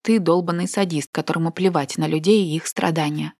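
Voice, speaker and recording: A woman's voice: lowish voice, moderate pace, darkish tone, no room sound, clean studio sound, voice pushed up. A woman voicing a wounded, indignant young woman. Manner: heated, emotional, accusing.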